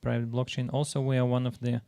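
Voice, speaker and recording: A man from Latvia introducing himself on a conference panel, speaking haltingly with many filler pauses. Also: medium pitch, monotone, creaky, mellow, clear, resonant tone. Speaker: panelist, company founder.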